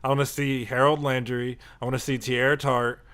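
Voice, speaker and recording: A man hosting a casual sports podcast, talking in an animated way, laughing often and getting fired up. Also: mid-range voice, normal speed, smooth. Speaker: podcast host.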